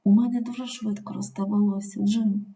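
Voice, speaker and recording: A woman's voice: mid-range voice, fairly even intonation, brisk, mellow, natural voice. A woman voicing a tender young wife, pleading. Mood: eager. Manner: earnest, emotional pleading.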